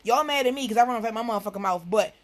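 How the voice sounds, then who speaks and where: A woman's voice: fairly high pitch, racing. Brash, profane woman in her thirties. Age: 30s. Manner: profane, emphatic, preachy. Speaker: host of a live talk show. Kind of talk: blunt casual monologue.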